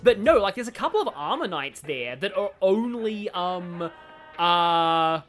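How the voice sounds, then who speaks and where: During a live game stream, a woman chats with viewers and thinks aloud, rambling and opinionated. She speaks unhurriedly in a fairly low voice with lively intonation, over soft background music.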